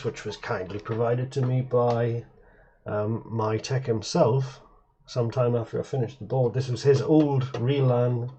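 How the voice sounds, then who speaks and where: Slightly muffled, dull audio with a little hiss or hum captures a retro computer hobbyist's show-and-tell at his home workbench. Speaking in a mid-range voice, he rambles, hesitates and frequently corrects himself mid-sentence.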